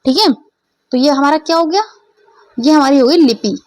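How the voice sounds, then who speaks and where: A woman teacher walks through an exam-prep lesson one step at a time and keeps pausing to ask whether everyone follows. Her voice sits high. The recording is close and dry, with no room sound. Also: a little mellow, dry recording. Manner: explains step by step, often checks understanding.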